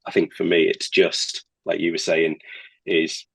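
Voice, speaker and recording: Man, deep voice, relaxed, conversational, coaching advice, dry sound. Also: measured pace, gravelly, slightly rough, no echo, poor audio. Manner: relaxed, storytelling. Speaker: triathlon coach, guest.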